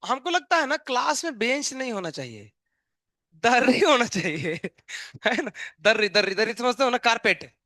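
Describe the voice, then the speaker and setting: A man's voice: very high-pitched, sing-song, normal speed, sharp tone, no room sound, studio quality. A male chemistry teacher, giving a live online lecture in a playful, joking way and asking students questions that he answers himself.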